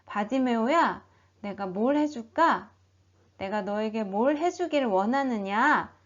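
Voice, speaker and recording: A gentle, loving teacher man speaks slowly and kindly, as a woman voices him. His voice is high, and the recording is muffled and lo-fi. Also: lively intonation. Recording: dull lo-fi recording.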